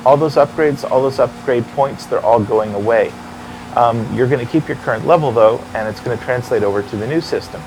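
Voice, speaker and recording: A man's voice: mid-range voice, fairly quick. A man hosting a game livestream, casually walking viewers through an upcoming update. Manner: explains game updates at length, upbeat. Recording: background hum and noise.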